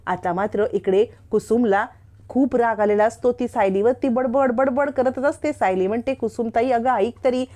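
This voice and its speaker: A woman's voice: on the high side, normal speed, mellow. A woman narrating a television serial's plot as a dramatic story recap.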